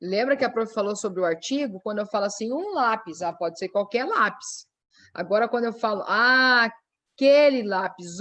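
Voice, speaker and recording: Woman teacher, checks in often. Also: fairly high pitch. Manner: explains slowly, checks in with "né?" and "tá bom?". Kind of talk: recorded online class.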